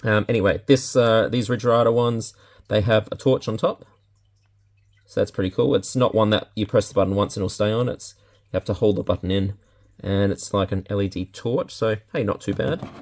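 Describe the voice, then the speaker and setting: An Australian product reviewer thinks aloud during a laid-back, unscripted unboxing and demonstration, handling items as he goes. His lowish, darkish voice moves at normal speed with fairly even intonation, and background noise and handling clicks are clearly audible.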